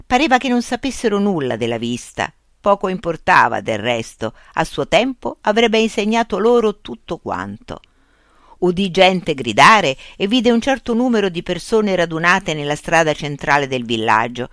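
An audiobook narrator reading a classic tale in a measured, storytelling way. the voice has a lively rise and fall, and it is recorded dry and close with no room sound. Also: mid-range voice, no room sound.

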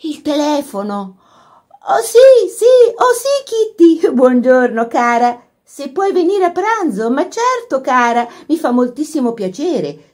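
A woman voicing an excitable young society girl who talks in a breathless, gushing rush. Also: high-pitched, pitched above the performer's own voice.

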